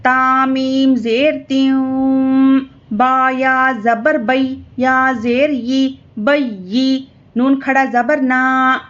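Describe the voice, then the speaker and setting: A woman teaching Quran reading, spelling syllables slowly and drawn out, with quick explanations of the rules in between. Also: sits high, flat delivery, fairly bright tone, lo-fi sound, soft background music. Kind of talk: slow letter-by-letter spelling lesson.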